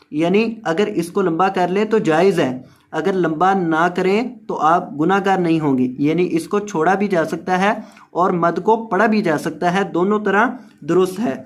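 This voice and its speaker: Slow, patient male recitation teacher. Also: high-pitched. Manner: drills each word slowly, repeating and correcting mispronunciations; melodic slow chanted recitation. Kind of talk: word-by-word tajweed lesson.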